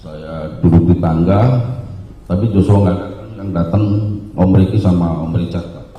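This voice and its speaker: A man giving witness testimony at a trial, recounting events haltingly with many fillers and restarts. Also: low voice. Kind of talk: courtroom testimony. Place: large courtroom. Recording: echoey courtroom broadcast, muffled, faint hiss.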